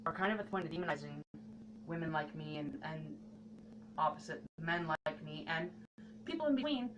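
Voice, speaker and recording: A woman's voice: deep voice, fairly even intonation, normal speed. A woman talking candidly and earnestly to the camera in a personal vlog. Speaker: vlogger. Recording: noticeable background noise.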